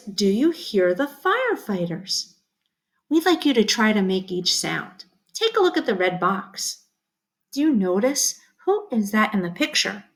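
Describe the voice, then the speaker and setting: A woman teacher reads a children's magazine aloud to young learners. Her voice sits a little high and swings widely in pitch as she pauses for questions and imitates sirens and barking. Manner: animated, makes sound effects for young children.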